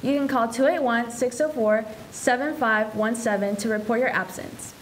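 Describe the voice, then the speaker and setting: A woman's voice: fairly high pitch, steady tone, moderate pace, a little hiss or hum, poor audio. Teen girl reading school news. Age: teens. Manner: reads announcements steadily. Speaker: student news anchor. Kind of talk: scripted school announcements. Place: school TV studio.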